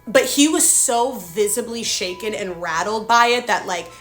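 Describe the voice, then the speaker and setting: A young woman telling a spooky story in a chatty, animated way, full of casual fillers. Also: medium pitch, normal speed, soft background music.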